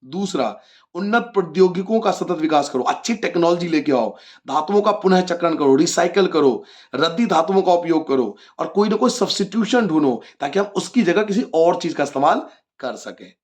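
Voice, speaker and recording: A man's voice: on the high side, animated, normal speed. A man teaching a class 10 geography lesson, asking his own questions and answering them, repeating the key points for his students. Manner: addresses students as children.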